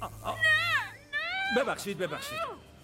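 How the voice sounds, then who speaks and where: Lively high-voiced brash young man, teasing, distant over music. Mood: defensive. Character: cocky young man who brushes off danger. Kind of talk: film dub.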